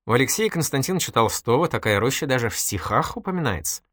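A man voicing a calm young police detective in an audiobook, polite with dry humor. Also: mid-range voice, fast, dry recording. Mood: wry. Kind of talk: audiobook character voice.

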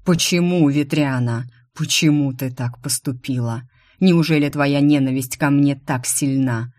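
A woman voicing a possessive male demon lover, speaking slowly and drawing out his words. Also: rumbling low, a little mellow, dry recording, studio quality. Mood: anguished. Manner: slow, drawn-out, growling delivery. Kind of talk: audiobook character voice.

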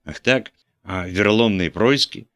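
A man's voice: fairly low pitch, a little slow, a bit bright. A man reading an audiobook, voicing a fawning priest-editor who stammers when scolded. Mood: scheming. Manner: obsequious, stammering under pressure. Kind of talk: audiobook character voice.

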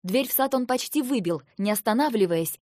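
A woman narrating a fantasy novel in the first person, with an expressive, emotional delivery. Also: fairly high pitch, brisk, no echo, studio quality. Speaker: audiobook narrator.

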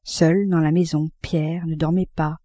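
Warm-voiced woman narrating a classic novel. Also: low voice, no echo. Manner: measured, expressive reading. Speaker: audiobook narrator. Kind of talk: literary audiobook narration.

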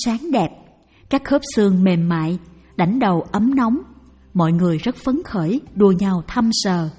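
A woman narrates a devotional story in a calm, measured way. Her voice is mellow and slightly breathy. It rings with a long reverb over faint music. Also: mid-range voice. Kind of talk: scripted narration of a Buddhist testimony.

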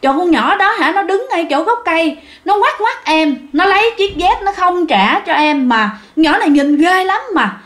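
A woman's voice: extremely high pitch, expressive, normal speed, a bit bright, reverberant, pitched above the performer's own voice. A woman voicing a terrified young male construction worker, crying out in pleading, shaky bursts. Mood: panicked. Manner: panicked, pleading, shaky cries.

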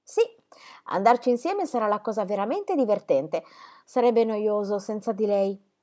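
A bright, playful young woman from an audiobook, teasing and quick-witted, her voice leaping high and lively, as a woman reader puts her on. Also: lightly acted. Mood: warm. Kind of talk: audiobook character reading.

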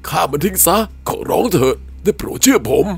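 A man voicing a panicked, furious middle-aged man who roars and shouts frantically. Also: high voice, animated, extremely slow, creaky, pitched above the performer's own voice, full character voice. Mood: frantic.

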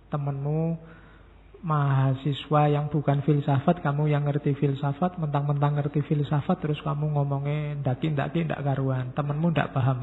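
A middle-aged man, giving a relaxed, joking philosophy lecture to students and slipping in words. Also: on the high side. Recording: tinny phone-like sound in a long-reverb hall.

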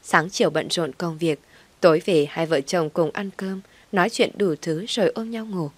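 A woman narrating a family drama story in expressive audiobook style. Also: on the low side, moderate pace, no room sound.

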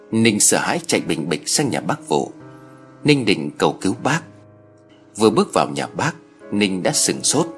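A man narrating stories aloud in a measured, expressive way. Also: on the low side. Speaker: story narrator. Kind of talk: scripted audiobook narration.

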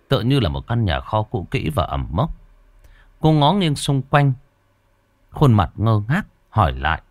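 A man narrating a horror story in a dramatic, expressive reading style. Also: fairly low pitch, no room sound.

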